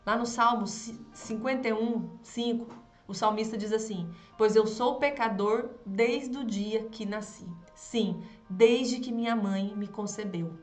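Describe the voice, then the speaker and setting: A woman's voice: fairly high pitch, measured pace, faint music behind. Woman, Brazilian accent, 30s, parenting teacher, live class, acts out dialogue, echoey room. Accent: Brazilian Portuguese. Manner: warm teaching tone, acts out child and mother dialogue.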